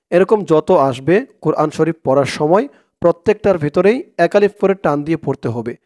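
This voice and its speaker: A man teaching Quran reading, spelling words out letter by letter and chanting the Arabic verses slowly. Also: on the high side, a little mellow.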